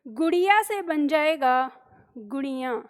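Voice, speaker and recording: High-voiced woman teaching grammar. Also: animated, takes it slowly. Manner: patient, repeats words and checks understanding with "ठीक है?". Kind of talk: explanatory classroom lesson.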